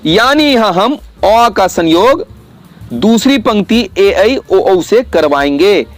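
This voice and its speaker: High-voiced man teaching slowly. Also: lively intonation, faint music behind. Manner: slow, careful explanation with drawn-out vowel sounds. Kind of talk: classroom lesson to children.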